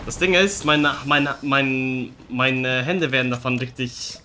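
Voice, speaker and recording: A man's voice: medium pitch, takes it slowly, sharp tone, a little hiss or hum. A young man streaming a game in slangy speech, talking casually while exerting himself doing push-ups. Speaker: gaming streamer. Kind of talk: excitable casual livestream gaming commentary.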